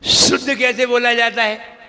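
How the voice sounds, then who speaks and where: A man's voice: very high-pitched, level tone, a little slow, bright, forceful tone. A man, a Jain monk, giving a sermon-style pronunciation lesson in a temple hall, teasing listeners and repeating words to drill them. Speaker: Jain monk teaching recitation. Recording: long hall reverb.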